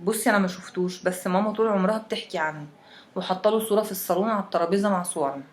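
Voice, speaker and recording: A woman's voice: medium pitch, very fast, close to an everyday voice. Wry Alexandrian young woman, as a woman reader puts her on. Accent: Egyptian. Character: young woman from Alexandria, wry, chatty, who dislikes winter.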